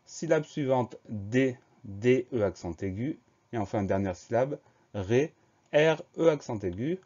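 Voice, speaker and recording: A man teaching a spelling lesson, slowly and deliberately spelling words letter by letter for dictation. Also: medium pitch, animated, a little mellow. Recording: dull lo-fi recording.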